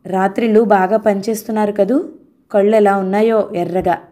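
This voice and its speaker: A woman reading the part of a modern-minded young wife, soft and chatty with a peevish edge, in her own voice. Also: medium pitch, steady tone, brisk, natural voice.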